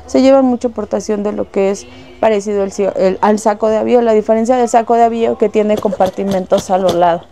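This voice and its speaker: A Mexican saleswoman in a shop walks through the goods one by one, giving wholesale prices. She talks casually and is fond of diminutives. Her voice is mellow and warm, at an ordinary pitch for a woman. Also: steady tone, fast, soft background music. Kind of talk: casual product showcase. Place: shop indoors.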